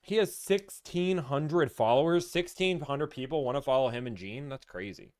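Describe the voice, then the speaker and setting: Live-stream host, man, smooth clear voice, mid pitch, rambling and teasing. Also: moderate pace, a little mellow. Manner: rambling, teasing, reads and answers chat comments. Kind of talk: casual live-stream chat.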